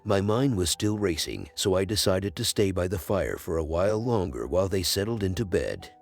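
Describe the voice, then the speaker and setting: A man reads a scary story aloud with a very deep, gravelly voice. His delivery is measured but rises and falls with a lively pitch range. Soft music plays faintly behind him. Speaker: horror story narrator. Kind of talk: scripted narration.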